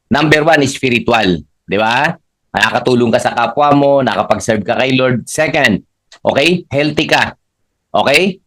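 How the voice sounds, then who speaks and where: A man leading a live motivational training, animated and laughing often, guiding the audience through spoken affirmations. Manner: animated, laughing often, swings pitch up for emphasis. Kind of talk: live training talk, Taglish.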